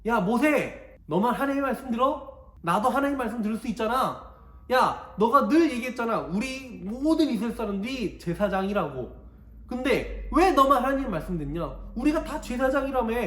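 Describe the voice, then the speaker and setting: A man voicing a defiant rebel leader who shouts challenges at his leader, in an echoey church hall. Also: extremely high pitch, animated, moderate pace, voice pushed up.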